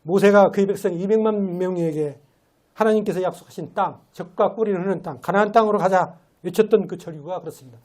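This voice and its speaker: A man's voice: high-pitched, quick pace, a little mellow. A man giving a sermon as a lay preacher in a church, talking in a conversational way and asking rhetorical questions. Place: church sanctuary.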